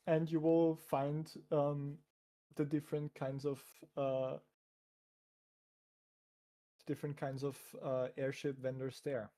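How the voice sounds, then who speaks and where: A man hosting a modded game session, explaining the game world in a halting, casual way. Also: a little high, flat delivery, mellow, slight background noise. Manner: halting, many fillers, laughs easily. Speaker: game host and guide.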